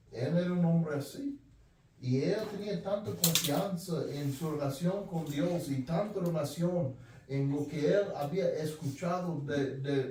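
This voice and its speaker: A man's voice: fairly high pitch, dark tone. A man preaching a sermon in an earnest, direct way, often repeating his phrases. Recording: very echoey room, voice from far off.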